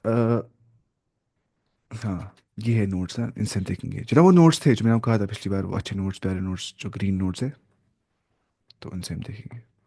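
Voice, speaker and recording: A man's voice: lowish voice, long pauses, warm tone. A man teaching Arabic grammar in a lecture, asking his students questions and answering them himself, with English terms mixed in. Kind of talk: classroom lecture.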